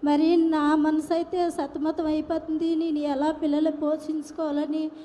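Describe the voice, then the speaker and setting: A woman's voice: high voice, little pitch movement, normal speed, warm tone, long reverb tail, a little hiss or hum. A widowed mother speaks hesitantly and plainly, describing her situation at a public meeting.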